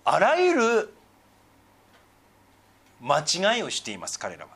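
A middle-aged man, a pastor preaching a sermon, who swings between emphatic raised passages and soft, murmured asides. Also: high-pitched, huge pitch swings, slow, gravelly.

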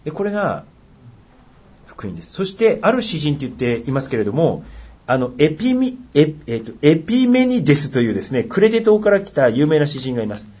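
A middle-aged male pastor with a Tohoku accent delivers a sermon in an earnest, questioning way. His voice is husky, and his pitch rises and falls in lively swings. He often drops into soft, quiet asides. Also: a little fast. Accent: Tohoku dialect.

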